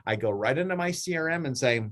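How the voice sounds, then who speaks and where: A middle-aged man leading a team meeting, coaching real estate agents in a rambling, animated way, often acting out clients in a raised voice. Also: fairly high pitch, fast. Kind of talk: casual coaching talk.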